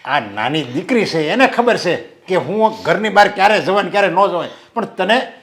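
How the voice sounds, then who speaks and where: A middle-aged father fretting over his daughter and scolding everyone at home. His voice sits unusually high for a man, and he talks in an agitated, lecturing way. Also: lively intonation, normal speed, a bit bright. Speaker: worried father of the bride. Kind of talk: Gujarati film acting.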